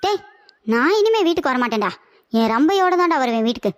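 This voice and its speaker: A woman's voice: high voice, big pitch swings, fast talker, music in the background. A woman voicing a foolish, henpecked older husband in a cartoon comedy, whiny and lovesick. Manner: whiny, pleading, dreamy.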